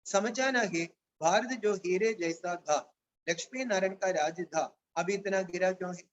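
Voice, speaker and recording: A Brahma Kumaris spiritual teacher with a high-pitched voice speaks a little slowly in a devotional discourse. He reads lines in Hindi and then explains each one in plain words in Malayalam, and the recording is dull and lo-fi with a faint hiss.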